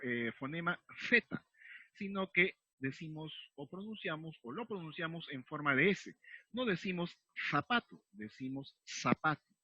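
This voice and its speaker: A man's voice: on the high side, pushed and bright, breathy edge, dry recording, muffled recording. A male secondary school teacher, explaining a recorded lesson patiently and checking in with his students after almost every sentence. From Peru. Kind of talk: recorded remote class lesson.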